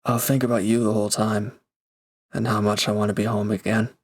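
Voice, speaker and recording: For an intimate audio drama, a man takes on the role of a gruff, caring ex-villain, his lowish, natural voice showing little pitch movement. He sounds flustered and torn, earnest and halting, affectionate in an awkward way.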